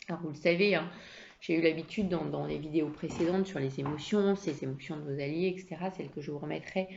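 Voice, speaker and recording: A woman in her thirties gives an explanatory lesson about emotions in a relaxed, conversational way, full of fillers and repeated words. Her voice is low with a gravelly fry, and the recording sounds slightly muffled and lo-fi. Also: quick pace, a little hiss or hum. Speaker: emotions coach.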